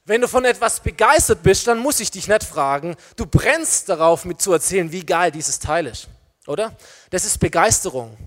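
High-voiced man preaching informally. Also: moderate pace. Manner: lively, informal, talks straight to listeners. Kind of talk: sermon to young people.

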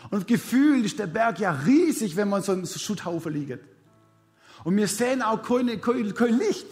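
Man, preacher, high voice, dramatic storytelling, counting up the hours, faint music underneath. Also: animated, moderate pace, darkish tone. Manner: dramatic retelling with repeated counting; addresses the congregation directly. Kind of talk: sermon storytelling.

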